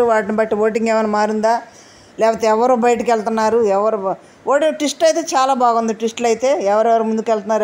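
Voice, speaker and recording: Chatty woman with a higher voice. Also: a little mellow. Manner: chatty, keeps asking viewers to comment. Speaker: reality show commentator. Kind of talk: casual opinion commentary.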